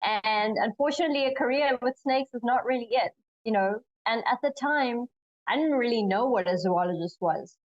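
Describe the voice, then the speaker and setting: A woman's voice: on the high side, normal speed, dull audio. A young woman from Zimbabwe, a snake researcher, answering interview questions thoughtfully over a video call, with frequent fillers and restarts. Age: young adult.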